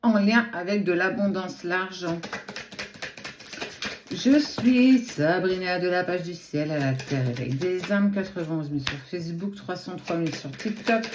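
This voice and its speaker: A tarot card reader and host does a spontaneous reading to camera, addressing the viewer directly as "you" and making frequent asides. She speaks a little slowly in a fairly low voice with a lisp, a slushy sh-like s from a swollen tongue, in an echoey room with a noisy background.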